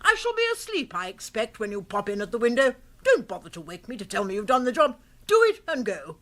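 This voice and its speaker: Bossy high-voiced posh English aunt. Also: female voice, big pitch swings, a bit bright. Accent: upper-class English. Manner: imperious, brisk, exuberant. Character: bossy, boisterous upper-class English aunt, brisk and theatrical. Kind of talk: comic radio drama acting.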